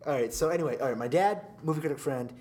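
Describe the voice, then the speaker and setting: A man's voice: fairly high pitch, rapid-fire, noisy background. A man co-hosting a podcast, telling a story in a rambling casual way with lots of fillers and restarts. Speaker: podcast co-host. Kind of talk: casual chat.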